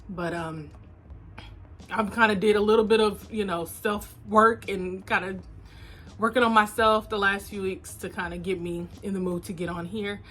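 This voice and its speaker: A woman's voice: medium pitch, a bit bright. Candid woman in her thirties vlogging. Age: 30s. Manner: candid, unhurried, addresses viewers as y'all. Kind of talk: casual confessional chat to viewers. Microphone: phone camera.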